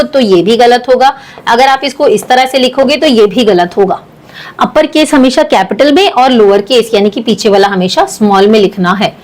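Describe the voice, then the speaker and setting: High-voiced woman teaching science. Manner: explains step by step, addresses students as beta. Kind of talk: classroom lecture.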